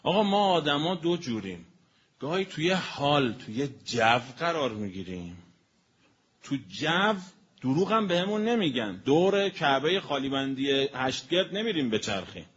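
A man's voice: on the high side, very animated, fairly bright tone. Man preaching a colloquial sermon. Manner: explains word meanings slowly and emphatically, then speeds up. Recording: dull lo-fi recording with faint noise.

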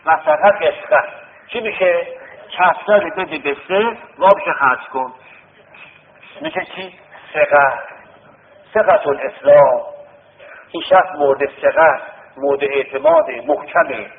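A man with a fairly high, sing-song voice, some vocal fry and long pauses teaches a classroom lesson on Arabic word roots. He drills his students repetitively, repeating words and quizzing them again and again. The tinny lo-fi classroom recording has long reverb and slight background noise.

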